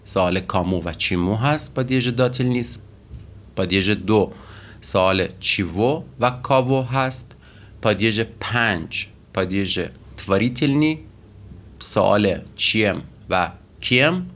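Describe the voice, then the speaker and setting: A man teaching Russian vocabulary and grammar in a methodical way, pausing often with fillers as he explains each word. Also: lowish voice, expressive, fairly bright tone. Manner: methodical, with frequent pauses and fillers.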